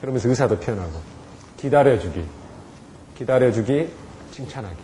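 A man's voice: medium pitch, animated, moderate pace, mellow, a little hiss or hum, poor audio. A middle-aged man lecturing church teachers, plain and direct, acting out firm words to a child. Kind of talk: lecture to Sunday school teachers.

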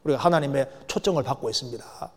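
A man preaching a sermon as a pastor, emphatic, slowing down and getting louder on key phrases. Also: medium pitch. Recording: long hall reverb.

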